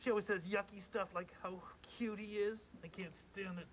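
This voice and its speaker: A man voicing a grumpy, sarcastic grouch monster with a gruff, rough-edged voice, in a children's puppet show. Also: sits high, fairly even intonation, normal speed, slight background noise, close to an everyday voice, low-quality recording. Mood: grumpy, disgusted. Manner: grumbling, sarcastic, exclamatory. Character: grumpy, contemptuous grouch monster, proud of his dog.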